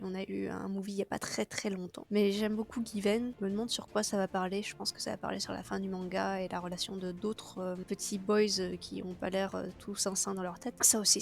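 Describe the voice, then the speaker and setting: Young woman, casual host, chatty and informal, mid-range voice, faint music underneath. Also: medium pitch. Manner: chatty, with fillers and asides. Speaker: anime video host. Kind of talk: casual chat reviewing a season's releases.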